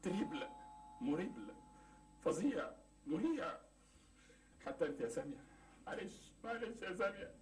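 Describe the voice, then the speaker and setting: A man's voice: high-pitched, big pitch swings, normal speed, pauses often, a little hiss or hum. An actor with an Egyptian accent playing a proud, wounded man who quotes proverbs with theatrical flair in a TV sitcom. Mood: mock-dramatic. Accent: Egyptian Arabic. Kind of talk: 1980s Egyptian TV sitcom acting.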